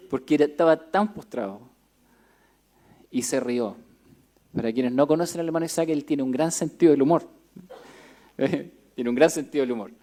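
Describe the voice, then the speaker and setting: A man's voice: mid-range voice, mellow. A man preaching in a church, telling a personal story with frequent fillers, then reading scripture aloud. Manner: conversational, hesitant with many fillers, reads scripture steadily. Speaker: pastor.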